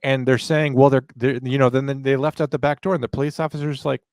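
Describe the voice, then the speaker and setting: A man's voice: mid-range voice, little pitch movement, fast, darkish tone, dry recording, clean studio sound. A man hosting a casual commentary show, explaining things in a sardonic way.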